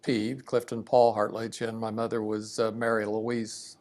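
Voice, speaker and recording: An older man speaks as a veteran looking back. He remembers family history slowly and haltingly, feeling for details as he answers interview questions. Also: lowish voice, completely flat delivery, vocal fry, a little mellow. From southern Ohio, United States.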